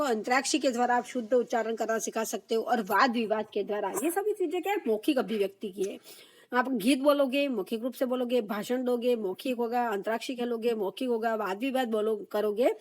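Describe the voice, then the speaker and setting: High-voiced woman teaching Hindi exam prep. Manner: explains patiently, repeats key answers with rising emphasis; conversational, with "है ना" tag questions.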